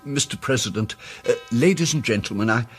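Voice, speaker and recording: In a radio mystery drama, a man plays a timid, apologetic yet persistent English gentleman amateur sleuth, speaking politely with hesitant, stammering starts. His mid-range voice is animated, fairly quick and breathy-edged, earnest and diffident in mood, with faint music behind.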